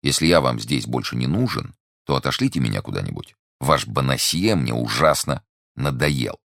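A man voicing a calm, dry-witted musketeer of about thirty who speaks coolly. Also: rumbling low, moderate pace, gravelly, no room sound, heavily acted. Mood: bored. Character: calm cool male musketeer around thirty. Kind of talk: audiobook character reading.

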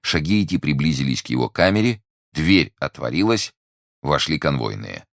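Very deep-voiced male audiobook narrator. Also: very animated, normal speed, vocal fry, no room sound, studio quality.

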